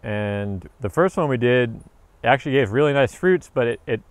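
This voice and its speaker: A man in his thirties walks through his garden outdoors, talking into a handheld camera he holds at arm's length. He is upbeat and chatty, trailing off into fillers and correcting himself mid-sentence. His voice sits at an ordinary pitch and sounds dry and close, with no room echo. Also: expressive, moderate pace. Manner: upbeat, rambling, with frequent fillers and self-corrections. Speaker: homesteader vlogger. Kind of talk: casual garden walk-through. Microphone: handheld action camera at arm's length.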